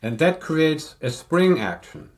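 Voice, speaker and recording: An older man in a casual podcast chat, explaining audio equipment in a measured, technical way. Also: on the high side, animated, darkish tone. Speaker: audio reviewer guest.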